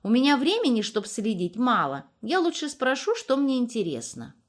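A woman's voice: a little high, very animated, moderate pace, pitched above the performer's own voice. A woman voicing a nosy, cheeky young village nurse who talks chattily and coquettishly. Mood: chatty, prying.

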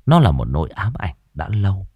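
Deep-voiced man telling a ghost story. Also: sing-song, slightly rough, phone-quality sound. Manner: slow, dramatic storytelling.

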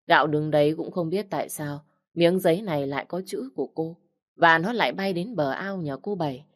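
A woman narrating an audiobook story in a steady storytelling manner. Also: deep voice, brisk, dry recording, clean studio sound. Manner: steady storytelling, voicing every character.

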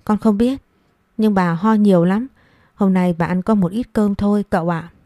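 A woman's voice: medium pitch, normal speed, mellow, no echo, clean studio sound, lightly acted. A woman voicing a frightened young servant girl who pleads through tears in a storybook reading. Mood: pleading. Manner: pleading, tearful.

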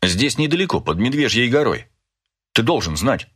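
A man voicing a calm male army captain who speaks in a dry, restrained way. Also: medium pitch, moderate pace, slightly rough.

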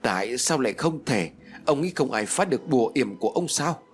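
Man reading as a vengeful woman ghost, husky and accusing, pitch rising and falling a lot. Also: animated, brisk. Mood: scornful. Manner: cold accusing speech. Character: vengeful female ghost, cursing her killers.

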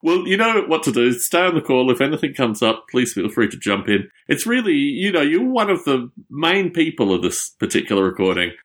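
Lively-voiced male call-in host. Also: mid-range voice, a little fast, few pauses. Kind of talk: casual call-in chat.

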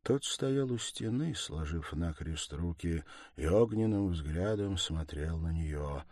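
Man reading a novel with lively pitch. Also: slow, no echo, studio quality. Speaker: audiobook reader. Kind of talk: expressive literary narration.

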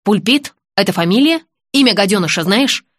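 A woman's voice: mid-range voice, expressive, brisk, dry recording, clean studio sound, lightly acted. A woman voicing a sarcastic bossy man. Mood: brusque. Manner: mocking, commanding. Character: businessman friend, adult man, sarcastic and bossy.

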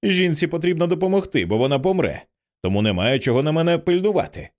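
A man reading the lines of a sharp-tongued young shop clerk in an audiobook, blunt and snappy. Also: a little high, very animated, fast, voice pushed up.

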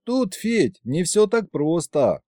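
A man voicing a chatty young elf king who explains things in a lively, raised voice. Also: sits high, slow pace, dry recording, clean studio sound, voice pushed up, heavily acted. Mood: explaining.

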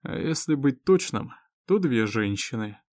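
Storybook drunk, read by a man: weary, hoarse, sarcastic, groaning. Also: medium pitch, animated, measured pace, a little mellow, dry recording, clean studio sound, close to an everyday voice.

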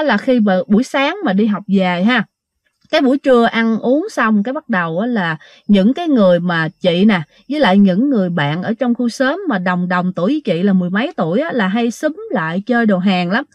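A woman's voice: medium pitch, animated, a little fast, no echo, lo-fi sound. A woman telling a ghost story in a casual, chatty way, talking straight to her listeners. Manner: chatty, addresses listeners directly, many fillers.

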